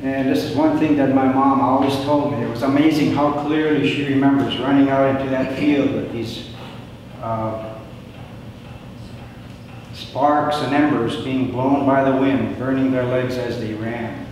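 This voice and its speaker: An older man giving a prepared talk of family history to an audience, in a plain, measured storytelling way with pauses. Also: mid-range voice, fairly even intonation, darkish tone. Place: large echoing indoor hall. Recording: very echoey hall, distant mic, background noise.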